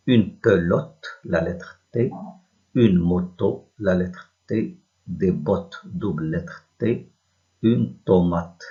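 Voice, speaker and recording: Slow deep-voiced man teaching reading. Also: warm tone, highs cut off. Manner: slow, deliberate, spelling out sounds and syllables. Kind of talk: reading lesson for young children.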